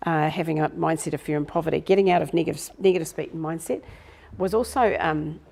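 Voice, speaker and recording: A woman's voice: deep voice, fairly quick, vocal fry, a little mellow. A middle-aged woman, a business coach giving a live workshop talk to a group in a room, chatty and self-deprecating.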